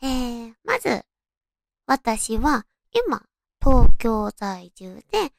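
A woman's voice: fairly high pitch, big pitch swings, extremely slow, creaky, dry recording, clean studio sound. A young woman with a cute, distinctive anime-like voice, hosting a casual solo talk and introducing herself in a polite, friendly way. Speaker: host of a solo audio show.

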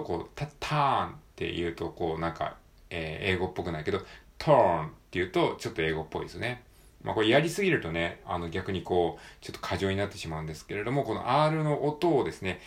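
A man with a Japanese accent talks through English pronunciation on his own, explaining points, then repeating words and phrases slowly and with emphasis. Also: fairly low pitch, creaky. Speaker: English pronunciation practice podcaster. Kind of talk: solo read-aloud practice with commentary.

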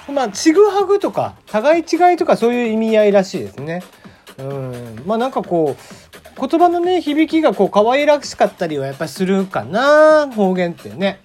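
A man's voice: sits high, a little mellow. A man in his forties from Kagoshima, hosting his own podcast in a rambling, chatty monologue full of fillers and little chuckles. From Kagoshima, Japan. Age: 40s. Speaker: solo podcast host. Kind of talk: casual radio-style monologue.

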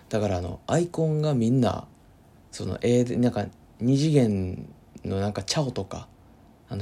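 A young man with a Kansai accent who hosts his own solo talk show and drifts along in an easy, rambling way. He fills his talk with hesitations and corrects himself often. His voice sits low and gravelly, with a dark, mellow tone. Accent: Kansai Japanese. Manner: rambling, many filler words and self-corrections. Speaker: solo podcast host. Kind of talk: casual solo chat. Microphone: home voice recording app.

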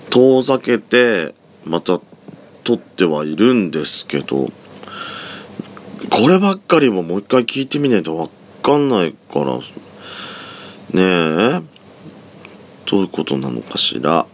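Sleepy, raspy low-voiced man chatting. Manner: chatty, drifting, uses soft feminine speech endings. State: sleepy just-woken voice. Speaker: solo podcast host. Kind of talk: casual rambling solo talk. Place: room at home. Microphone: phone app mic set back from the mouth. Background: faint background music.

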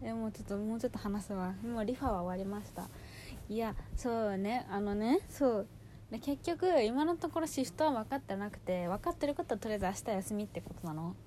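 A woman in her twenties chatting casually in slangy gyaru, valley-girl style, telling stories in an animated, exasperated way as she hosts a personal audio diary. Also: medium pitch, fairly quick, a little hiss or hum. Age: 20s. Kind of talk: casual chat, venting monologue.

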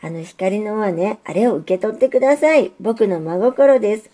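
A woman's voice: medium pitch, normal speed, dark tone, close to an everyday voice. A woman voicing an earnest, lovesick young male railway signal in a storybook reading, pleading and eager. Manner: pleading, eager, repeats himself.

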